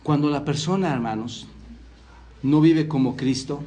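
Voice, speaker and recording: A man's voice: fairly high pitch, measured pace, mellow. A man from Mexico preaching a sermon as pastor, earnestly quoting scripture and putting questions to the congregation. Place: church hall.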